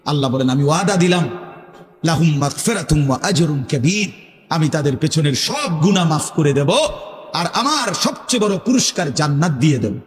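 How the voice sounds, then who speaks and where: A high-pitched male preacher with a Bangladeshi Bengali accent, delivering a fervent sermon that swings between hushed and loud. His voice rings through a large hall with a long echo trailing behind it. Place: large hall at a religious gathering. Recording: echoey hall with long reverb.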